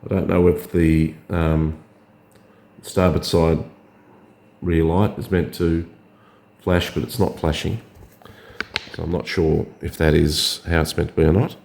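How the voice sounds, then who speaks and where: A man with a scratchy, hoarse voice from a cold, hesitantly talking through a setup step by step. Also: extremely low pitch, level tone, measured pace, long pauses, darkish tone. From Australia. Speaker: drone hobbyist. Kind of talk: casual tutorial narration.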